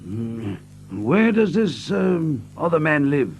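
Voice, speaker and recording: Doctor Watson, high-pitched earnest gentleman. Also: sing-song, slow, creaky, slight background noise, full character voice. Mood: inquisitive. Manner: hesitant, earnest, old-fashioned gentlemanly. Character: earnest, determined gentleman doctor, detective's companion. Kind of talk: audio drama acting and narration.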